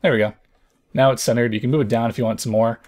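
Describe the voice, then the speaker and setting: A young man with a hoarse, worn voice, hosting a casual programming tutorial and thinking out loud as he explains. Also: mid-range voice, steady tone, fast talker. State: hoarse from lost voice.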